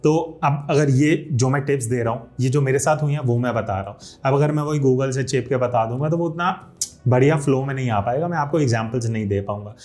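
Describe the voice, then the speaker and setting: A man in his thirties talks straight to camera in a relaxed, conversational way, coaching beginners. He leans on key words for emphasis and slips English terms into his Hindi, and his voice sits at an ordinary middle pitch, recorded close on a studio mic. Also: fairly quick. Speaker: YouTube creator teaching video skills. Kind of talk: casual instructional talk to camera. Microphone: studio microphone.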